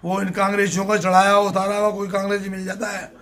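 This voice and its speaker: An older man answers interview questions in a plain, emphatic way, often saying a point twice. His voice sits high for a man. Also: monotone, fast talker, fairly bright tone. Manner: plain-spoken, emphatic, repeats himself. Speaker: political candidate.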